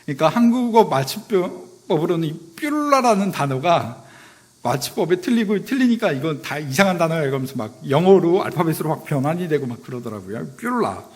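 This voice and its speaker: Lively conversational male preacher. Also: fairly high pitch, brisk. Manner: conversational storytelling, self-deprecating. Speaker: pastor. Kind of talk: sermon to young adults.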